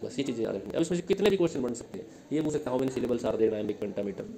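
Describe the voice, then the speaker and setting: A man with an Indian accent giving an exam-prep lesson, asking questions and answering them himself, reading English lines slowly. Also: mid-range voice, expressive, dark tone, a little hiss or hum, rough recording. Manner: explains in Hindi, reads English lines slowly. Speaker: teacher.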